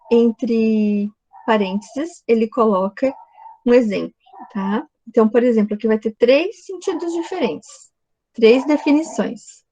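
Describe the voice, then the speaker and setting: A woman's voice: fairly high pitch, mellow, low-quality recording. A woman teaching a recorded video lesson, explaining step by step and often checking in with the class.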